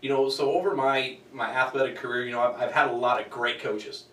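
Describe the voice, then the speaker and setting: A man's voice: medium pitch, fairly even intonation, fairly quick, a bit bright, far from the mic, slight background noise. Forty-something guy interviewing, rambly and chatty, echoey room, sits back from the mic. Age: 40s. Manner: chatty, rambling, full of "you know". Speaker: interviewer, host. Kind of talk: conversational interview.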